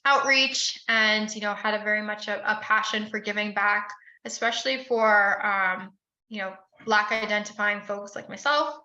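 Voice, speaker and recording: Her voice medium-pitched, pushed and bright with fairly even intonation, this podcast guest is a woman in her thirties from the Bahamas. She recounts her career in an interview, friendly and measured but full of "um"s, and the sound is roomy and lo-fi.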